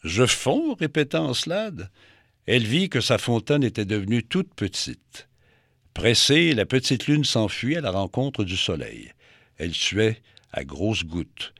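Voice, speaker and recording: A man reading a children's story aloud in a gentle, expressive storybook manner. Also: lowish voice, a little slow, breathy edge, dry recording, studio quality.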